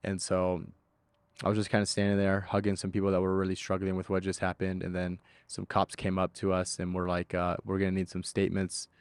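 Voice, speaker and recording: A man being interviewed as an eyewitness, speaking in casual slang with halting, repeated and restarted phrases. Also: deep voice, monotone, smooth, no room sound.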